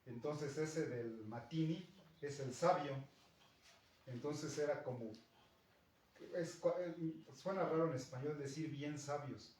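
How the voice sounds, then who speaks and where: A man's voice: a little high, takes it slowly, darkish tone. A man with a Mexican Spanish accent teaching a Nahuatl class, patiently explaining and checking in with his students. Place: school classroom. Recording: echoey classroom, distant mic, faint noise.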